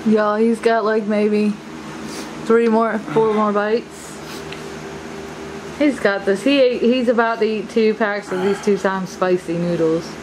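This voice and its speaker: A woman's voice: mid-range voice, steady tone, a little slow, pauses often. A woman giving casual, encouraging commentary for a home vlog from behind the camera. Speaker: off-camera host filming. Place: home dining room, indoors. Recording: noisy room with air conditioning hum.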